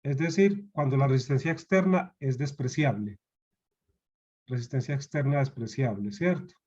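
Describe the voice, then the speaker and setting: A man with a Colombian Spanish accent teaches an online university class via video call, asking students questions and patiently going back over key points. He has a mid-range, husky, darkish voice at a moderate pace, with lo-fi sound.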